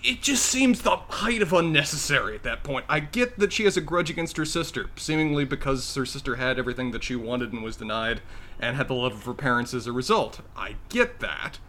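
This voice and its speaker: This is a man in the middle of a relaxed podcast conversation, his voice sitting at an ordinary pitch. He talks with animated conviction and keeps pushing his opinions forward. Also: fairly quick. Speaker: podcast co-host. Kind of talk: casual podcast chat.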